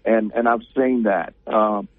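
A man's voice: fairly low pitch, steady tone, a little slow, no room sound. A man calling in to a radio interview as a gaming regulator, talking easily with lots of filler sounds over a phone line that keeps breaking up. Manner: easygoing, joking, many filler sounds.

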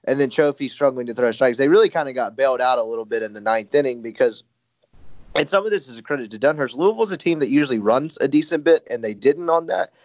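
A man's voice: mid-range voice, lively intonation, fast talker, no room sound. A man chatting casually as a podcast co-host, rambling with many fillers and self-corrections. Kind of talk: casual baseball chat.

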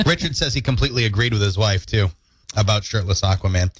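A man's voice: on the low side, moderate pace, no echo. A man in his thirties co-hosting a morning radio show, telling stories and joking playfully. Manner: playful, animated storytelling with jokes. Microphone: studio mic.

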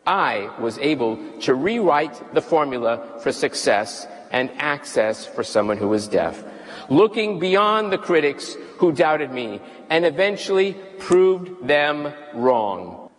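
Male live interpreter voicing a signed speech in first person; emphatic, fairly high voice, big-hall echo. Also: very animated, slow pace. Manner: first-person delivery of another's words, emphatic. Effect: live interpreter voice, speaking a signed speech aloud. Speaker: sign language interpreter. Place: large arena commencement ceremony. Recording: long reverb of a big arena.

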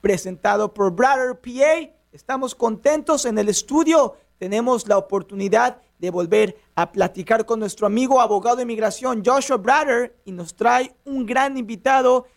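A man's voice: extremely high pitch, normal speed, creaky, few pauses. A man hosting a radio interview show from a studio, with an upbeat, announcer-like delivery.

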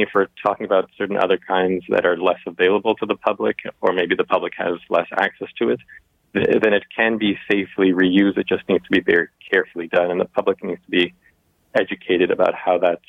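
A man giving measured, explanatory answers as an expert interview guest, over a dull remote connection. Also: low voice, creaky, no echo.

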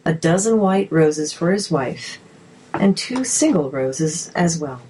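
A woman narrator reading articles aloud in a measured, steady way. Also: low-pitched, slight background noise, rough recording.

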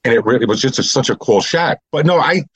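A man's voice: medium pitch, animated, fast, fairly bright tone, breathy edge, no room sound. An older man with a Chicago accent, a retired cop telling plain, matter-of-fact stories as a talk show guest. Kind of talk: casual chat.

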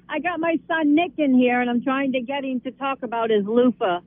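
Radio call-in mom, high voice, sheepish giggly chat, phone-line headset sound. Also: female voice, moderate pace, no echo. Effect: phone call heard through a tinny, headset-like phone line.

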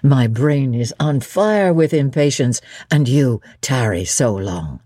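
A woman voicing a brooding, commanding middle-aged gentleman in a storybook reading, speaking in a low, gruff, urgent way. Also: animated, slow, no echo, studio quality, full character voice. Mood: impatient.

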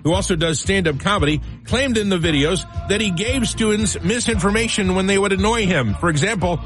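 A man's voice: sits high, animated, fairly quick, music in the background. A man hosting a morning radio show, talking in an upbeat DJ style that moves between announcing and banter. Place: radio studio.

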